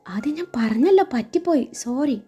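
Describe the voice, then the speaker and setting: A woman's voice: high voice, animated, fairly quick. A woman voicing a remorseful young husband. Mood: apologetic. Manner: soft, apologetic, pleading. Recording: slightly dull audio, faint music.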